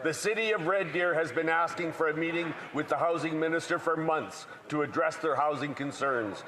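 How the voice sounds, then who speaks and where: A man's voice: fairly high pitch, normal speed, sharp tone. A man putting a prepared question in parliament. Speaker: opposition member of parliament. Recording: echoey chamber with murmuring crowd.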